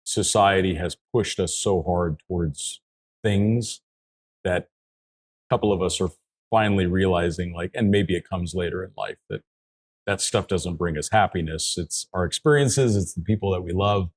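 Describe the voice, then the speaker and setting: A man's voice: low voice, normal speed, breathy edge. A man hosting an interview, agreeing and reflecting alongside his guest in easy conversation. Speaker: interviewer, podcast host.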